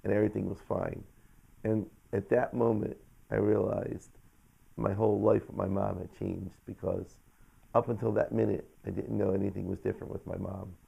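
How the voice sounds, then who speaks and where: A middle-aged man telling a personal family story in a halting, earnest way, with many pauses and restarts. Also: lowish voice, flat delivery, creaky, breathy edge, muffled recording. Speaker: family caregiver giving a testimonial.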